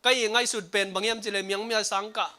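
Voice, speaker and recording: High, bright-voiced male preacher. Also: little pitch movement, very fast, smooth. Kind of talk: sermon. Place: church service streamed online.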